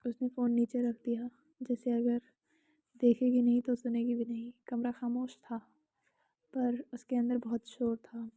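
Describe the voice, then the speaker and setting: A young woman with an Indian accent narrating a romantic story calmly, sometimes in a whisper, with casual asides to the listener, in a slightly dull, dry home recording. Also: fairly high pitch, unhurried, no room sound.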